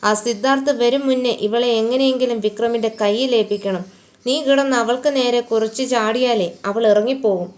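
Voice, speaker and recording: A woman's voice: fairly high pitch, fairly quick, close to an everyday voice. A woman voicing a scheming middle-aged uncle who scolds harshly in private and speaks sweetly in company, in a storybook reading. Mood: harsh scolding.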